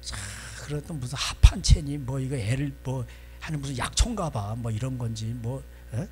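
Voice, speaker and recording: A male pastor preaching a sermon in a church, folksy and animated, constantly prompting the congregation. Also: mid-range voice, moderate pace, slight background noise.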